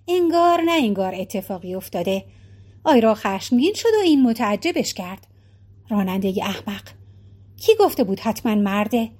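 A woman narrating a novel as an audiobook, reading in an even, measured way. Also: high-pitched. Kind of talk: scripted narration.

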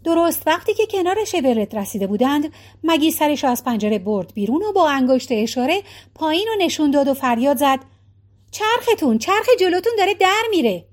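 A woman narrating a novel as an audiobook, reading in an even, measured way. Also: high voice. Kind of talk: scripted narration.

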